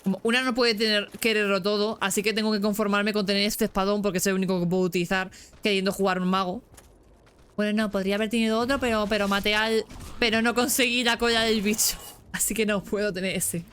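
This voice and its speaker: Give me a young woman, chattering through a game stream and breaking into excited squeals. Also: mid-range voice, fast, clean tone. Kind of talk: casual gameplay commentary.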